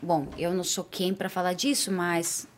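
A woman's voice: lowish voice, level tone, normal speed, a little hiss or hum. A woman hosting a podcast, probing her guest with clarifying questions. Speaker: podcast host. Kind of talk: interviewing.

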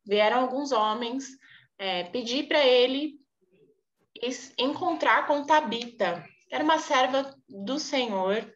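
A woman walks through a Bible story from her home in a relaxed, thoughtful way, often pausing and restarting her sentences. She talks at a slow, deliberate pace. The recording is muffled and lo-fi. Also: high voice. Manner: unhurried, thoughtful, with many fillers and restarts. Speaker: Bible study presenter. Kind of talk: casual Bible teaching.

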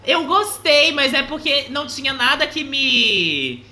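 A woman in a relaxed group conversation, her voice bright and fairly high. She sounds hesitant and a little apologetic, with a lively, swooping pitch. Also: a little slow. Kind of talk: casual group chat.

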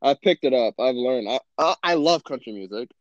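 A man's voice: medium pitch, brisk, no room sound. A young man with a Texan accent, hosting a casual podcast and acting out his own reactions as he tells stories. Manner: animated storyteller, acts out his own reactions. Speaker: podcast host. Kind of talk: casual chat. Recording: dull lo-fi sound.

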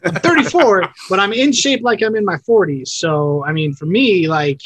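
A man's voice: high-pitched, animated, normal speed, a bit bright, breathy edge, dry recording, poor audio. A man in his thirties chatting casually on a podcast, rambling and correcting himself as he goes. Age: 30s. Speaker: podcast co-host. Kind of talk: casual chat.

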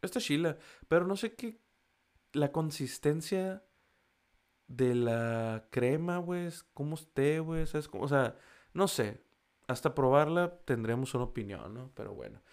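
A man's voice: on the high side, expressive, a little slow, a little mellow. Slangy, profane Mexican guy. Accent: Mexican Spanish. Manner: slangy and profane, stumbling over foreign words. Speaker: vlogger. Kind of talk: casual chat reading a list.

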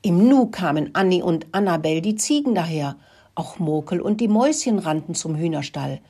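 An older woman with a husky voice narrating a children's story in a friendly, lively way. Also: on the low side, moderate pace.

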